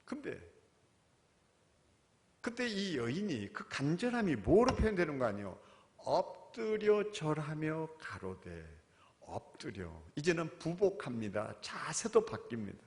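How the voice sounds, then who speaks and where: A male pastor preaching a sermon, swinging from quiet, questioning asides to loud, impassioned cries. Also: fairly high pitch, sing-song, a little slow. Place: church sanctuary. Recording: long reverb of a church hall.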